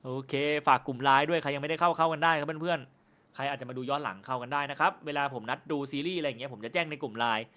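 A man hosting a film review channel, chatting casually with viewers on a live stream. He jokes, swears freely, and says he stumbles and stutters when he talks fast. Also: fairly high pitch, bright, forceful tone. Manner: loose and joking, with frequent swearing.

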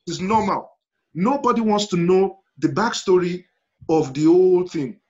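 A man's voice: sits high, measured pace. A man with a Yoruba Nigerian accent in an impassioned panel discussion, telling stories emphatically with rhetorical questions and repetition. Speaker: panel guest. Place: indoor room at home, video call. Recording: dull, lo-fi video call.

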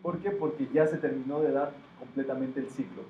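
A man's voice: medium pitch, fairly even intonation, brisk. A man teaching a metaphysics class, explaining and asking his students questions. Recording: echoey room, distant, dull, faint noise.

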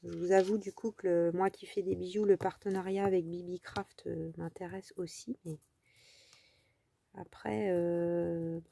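A woman's voice: lowish voice, little pitch movement, a little slow, gravelly, dark tone, dry recording. A French woman hosting a casual crafting tutorial, talking in a chatty, rambling way with many fillers.

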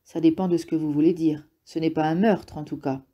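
Woman narrator doing a low, husky, defensive rentier for an audiobook. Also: fairly even intonation, a little fast, warm tone. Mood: defensive, agitated. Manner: agitated, blustering, sometimes pleading. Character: nervous middle-aged male rentier, defensive.

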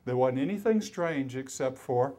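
A man's voice: medium pitch, normal speed. A man in his fifties from the US East Coast, telling his life story as a conference speaker. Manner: storytelling, grows loud and excited, often laughing. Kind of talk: preaching testimony. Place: conference hall.

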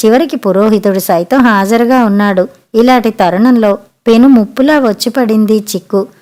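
A woman narrating a family story for an audiobook in an expressive, measured way. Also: medium pitch.

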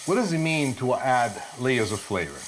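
A middle-aged man presenting a cooking show from a home kitchen, talking at a mid pitch. He explains every step with rhetorical questions and lively gestures in his voice. A faint sizzle of frying stays under his words. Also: moderate pace, slight background noise. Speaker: TV chef host.

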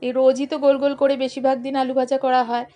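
A middle-aged woman with a hoarse, coughing voice, chatting straight to her viewers in a casual daily vlog. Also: high-pitched, level tone, fast talker, dark tone. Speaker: vlogger.

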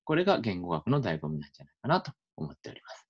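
A male linguistics researcher giving a relaxed explanatory lecture for a video and thinking aloud with plenty of fillers. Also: deep voice, racing, slightly rough, dull audio.

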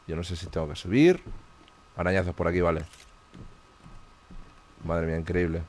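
A man's voice: sits low, fairly even intonation, normal speed, a little mellow. A man with a Spain Spanish accent streaming live horror gameplay commentary, tense and muttering, swearing often.

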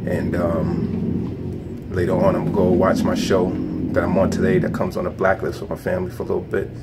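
A young American man with a low voice talks casually into his phone at arm's length. The recording is busy, with loud noise or music behind him. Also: completely flat delivery, fairly quick, creaky. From New York area, United States. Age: young adult. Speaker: actor and filmmaker vlogging. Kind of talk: casual vlog talk to camera.

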